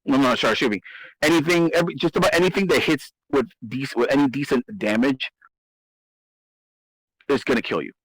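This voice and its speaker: A man's voice: mid-range voice, a little fast, long pauses, no echo, rough recording. A man in casual talk, explaining game strategy and often restarting and repeating his phrases for emphasis. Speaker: host. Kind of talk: casual gaming strategy discussion.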